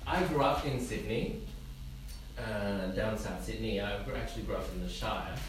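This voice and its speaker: Jokey guest preacher in an echoey church. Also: male voice, lowish voice, normal speed. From Indonesia. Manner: friendly, jokey, self-deprecating. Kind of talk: sermon with humor. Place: church sanctuary. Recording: echoey church from far off, noisy.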